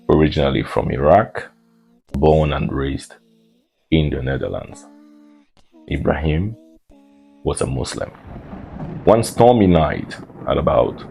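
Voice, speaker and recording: A man's voice: rumbling low, vocal fry, darkish tone, husky, rough recording. A man narrating a spooky story in a casual storytime style, laid-back with joking asides.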